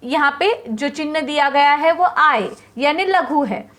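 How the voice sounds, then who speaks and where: A woman's voice: high voice, measured pace, fairly bright tone. A woman teaching Hindi poetry meter, explaining patiently step by step and repeating her points to students.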